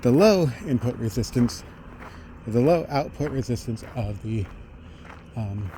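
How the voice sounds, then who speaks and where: A middle-aged man thinks aloud in a halting technical monologue while walking outdoors along a road. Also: medium pitch, animated, dark tone. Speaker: vlogger. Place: outdoors on a residential roadside. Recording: outdoor street noise, passing vehicles.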